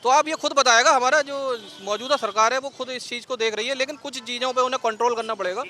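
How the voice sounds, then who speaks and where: A man's voice: very high-pitched, fairly even intonation, fast talker, sharp tone. A man being interviewed on a city street, speaking earnestly and rambling with many fillers.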